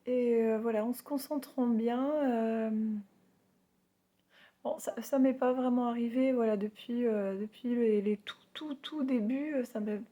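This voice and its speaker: Casting: woman vlogger, fairly high but mellow voice, congested and hoarse as if it is giving out, halting, modest storytelling. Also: fairly even intonation. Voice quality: hoarse, worn voice with little power; nasal, congested. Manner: halting, self-deprecating. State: has a heavy cold, voice giving out. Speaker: spiritual medium vlogger. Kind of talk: casual personal storytelling to followers.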